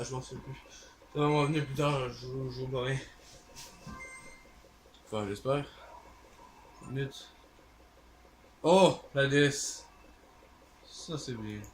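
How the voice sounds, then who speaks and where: A man's voice: a little high, a little hiss or hum. A man with a Québécois French accent, thinking aloud hesitantly with lots of fillers while commenting on a game he is playing. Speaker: gaming channel host. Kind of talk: let's play commentary.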